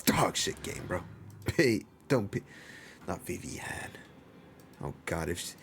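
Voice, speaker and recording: A man's voice: sits low, big pitch swings, takes it slowly, fairly bright tone, slight background noise. A man streaming a story game live, joking and talking back at the characters in slang. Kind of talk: casual live-stream commentary over a game.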